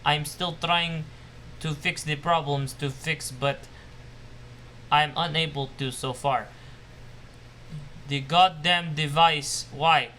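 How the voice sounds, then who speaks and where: A man's voice: a little high, steady tone, slow, pauses often, sharp tone, slight background noise. A man voicing a bitter, obsessive male scientist losing his mind, ranting and paranoid in a put-on Russian accent. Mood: desperate. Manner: ranting, paranoid, self-pitying.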